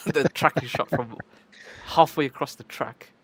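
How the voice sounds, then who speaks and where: A male race commentator giving measured, analytical live commentary, pausing often with "uh". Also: mid-range voice, husky, no echo. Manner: measured, analytical, many "uh" pauses. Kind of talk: live sim racing commentary. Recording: loud background noise.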